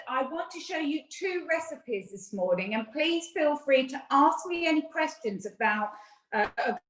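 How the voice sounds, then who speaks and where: A woman's voice: fairly high pitch, roomy sound, low-quality recording. A British woman chef and nutritionist giving a friendly, chatty cookery demonstration from her home kitchen, explaining each step.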